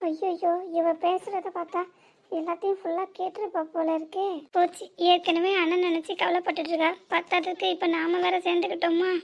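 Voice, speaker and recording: A woman voicing a quick-tongued young married daughter who talks back to her mother in a cartoon serial. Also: very high-pitched, little pitch movement, creaky, a little hiss or hum. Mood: worried aside. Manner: indignant, talking back, muttering asides to herself.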